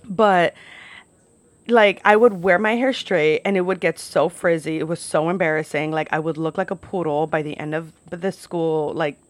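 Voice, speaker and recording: Candid young American woman, lower-pitched voice. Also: normal speed, no room sound. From United States, New York and Florida. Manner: candid, chatty, frequent "like" as filler. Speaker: podcast host. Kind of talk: casual personal storytelling to camera. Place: outdoors at home.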